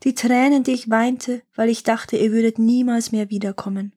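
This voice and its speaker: A woman voicing a lying, scheming young servant maid who fawns and flatters. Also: on the high side, moderate pace, natural voice. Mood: fawning. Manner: sly, fawning replies.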